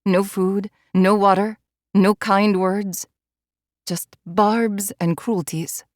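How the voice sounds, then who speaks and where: A woman narrating a first-person audiobook in a measured, inward storytelling manner. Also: mid-range voice, fairly even intonation, no echo, clean studio sound.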